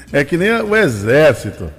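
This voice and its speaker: A man's voice: fairly high pitch, sing-song, slow pace, breathy edge, in a large hall, soft background music. A man hosting a morning radio show from São Paulo, chatting casually and laughing often, with a Brazilian Portuguese accent. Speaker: radio host.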